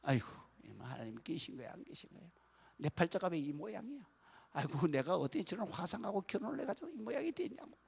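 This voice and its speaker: A man's voice: sits high, expressive, measured pace, gravelly, pauses often, exaggerated voice. A male pastor voicing a weary, resentful wife who pours complaints into a prayer. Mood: lamenting. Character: weary, resentful praying wife, adult woman. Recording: long church-hall reverb.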